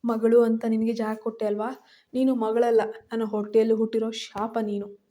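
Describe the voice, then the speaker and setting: A woman's voice: a little high, flat delivery, moderate pace, warm tone, close to an everyday voice. A woman voicing a stern older mother-in-law who scolds her own daughter. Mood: angry. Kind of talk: audio story character voice.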